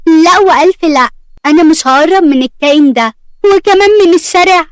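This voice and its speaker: A reluctant young man who grumbles and refuses, speaking with an Egyptian accent, played by a woman narrator. The voice stays high and the sound is close and dry. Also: fast talker, no echo.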